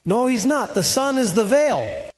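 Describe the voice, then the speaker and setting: High-voiced man preaching emphatically. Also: expressive, a little slow, a little mellow. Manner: emphatic, fires rhetorical questions at the congregation. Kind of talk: sermon. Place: church conference hall.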